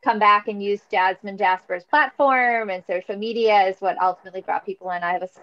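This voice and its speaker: A woman's voice: mid-range voice, fairly quick. A woman teacher lays out a long, thoughtful point in a book discussion. Her voice sits in a middle range. The audio is dull and lo-fi.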